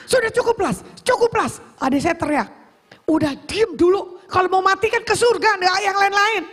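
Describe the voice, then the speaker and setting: High, animated woman preaching her testimony. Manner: animated storyteller acting out quotes, shouting at climaxes. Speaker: evangelist preacher. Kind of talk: testimony sermon. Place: church youth service.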